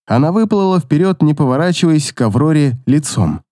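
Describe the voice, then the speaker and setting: A man narrating a fantasy audiobook in a dramatic, expressive reading. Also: on the high side, brisk, dry recording, studio quality.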